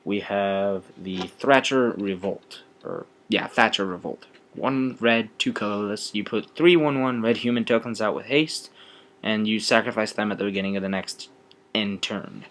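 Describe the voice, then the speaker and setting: A young man explaining his card game deck in a casual, low-energy way, pausing often with ums. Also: fairly bright tone.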